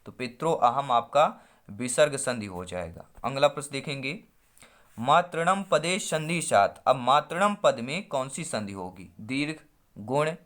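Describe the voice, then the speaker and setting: A man's voice: mid-range voice, lively intonation, a little slow, fairly bright tone. Man teaching an exam-prep lesson. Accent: Hindi-speaking India. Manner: quizzing, drawing out syllables as he works through answers.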